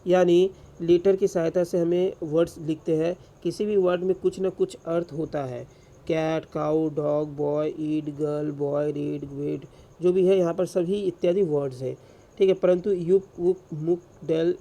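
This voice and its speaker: Gravelly-voiced man lecturing. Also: a little high, mellow. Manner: rhetorical questions answered himself, frequent fillers. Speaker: English teacher. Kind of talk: classroom lecture explaining grammar.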